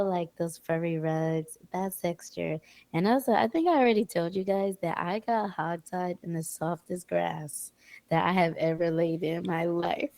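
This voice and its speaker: A woman's voice: on the low side, creaky, darkish tone, dry recording. A woman co-hosting a podcast in casual chat, playful and giggly. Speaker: podcast co-host.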